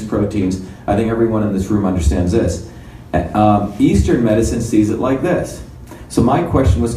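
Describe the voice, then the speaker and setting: This Indian man in his fifties speaks in a dark, somewhat low voice while giving a slide-based conference talk. His delivery is explanatory and conversational, captured from a distance in a spacious hall with a little background noise.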